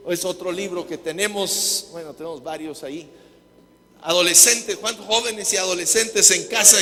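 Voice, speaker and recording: A man preaching a sermon with jokes, often quizzing the congregation with quick questions. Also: sits high, sharp tone, slight background noise. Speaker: guest preacher. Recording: long hall reverb.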